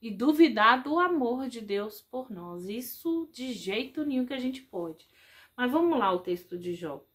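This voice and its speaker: High-voiced, animated Brazilian woman catechist. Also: measured pace. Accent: Brazilian Portuguese. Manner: animated, conversational, addresses listeners as "gente". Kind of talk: religious reflection talk.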